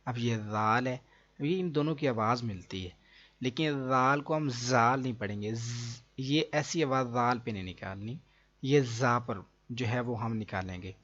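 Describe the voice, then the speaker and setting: A man with a Pakistani Urdu accent teaching Quran reading, drawing out letter sounds slowly in drills between quicker explanations. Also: medium pitch, a bit bright, muffled recording. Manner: slow, drawn-out demonstration of letter sounds, then quicker explanation.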